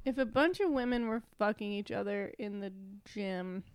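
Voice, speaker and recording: A woman's voice: mid-range voice, normal speed, smooth, no echo. A woman co-hosting a casual comedy podcast, giggling often as she talks. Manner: giggly, laughs often while talking. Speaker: podcast co-host.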